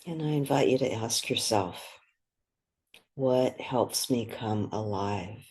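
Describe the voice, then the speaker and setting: With a breathy, soft quality and a mid-range pitch, this meditation guide offers short phrases at an easy, gentle pace, leaving long pauses in between.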